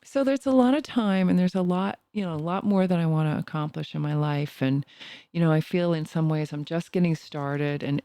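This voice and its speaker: A woman's voice: sits low, dark tone, no room sound. A woman in her sixties co-hosting a podcast, chatting casually and teasing playfully. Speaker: podcast co-host. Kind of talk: casual chat.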